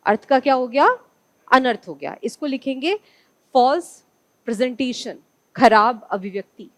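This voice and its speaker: A woman's voice: fairly high pitch, normal speed, no room sound. A woman from India teaching an online exam-prep class, asking her students questions and answering them herself.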